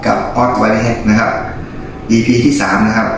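A man's voice: on the low side, monotone, unhurried. A man presenting a step-by-step tutorial in a polite, instructional manner. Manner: polite, instructional, frequent courtesy particles. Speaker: presenter of a radio how-to channel. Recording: echoey room, clear background noise.

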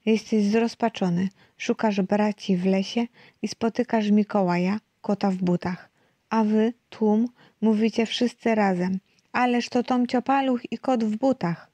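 A strict schoolteacher who is fed up with her unruly class gives firm orders, as a woman puts her on in a storybook reading. Her voice is mellow and warm underneath the sternness. The sound is close and dry. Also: medium pitch, fairly even intonation, a little slow, no room sound. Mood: instructing. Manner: commanding, scolding. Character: stern, exasperated female schoolteacher.

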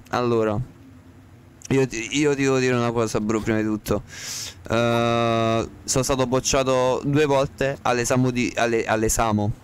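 A man's voice: mid-range voice, a little hiss or hum. A man live-streaming a game, chatting with viewers in a playful, joking, slangy way, repeating himself, speaking close to the microphone. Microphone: close to the mic.

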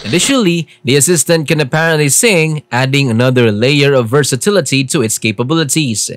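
A man with a mid-pitched voice reads a scripted tech explainer in an even, informative way. The sound is dry and close, with no room around it. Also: a little fast, dry recording. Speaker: narrator.

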